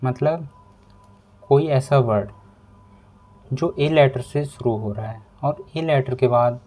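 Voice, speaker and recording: A man teaching a pronunciation lesson, explaining rules slowly and repeating each step. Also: medium pitch, dark tone. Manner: slow, repetitive explaining. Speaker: English teacher.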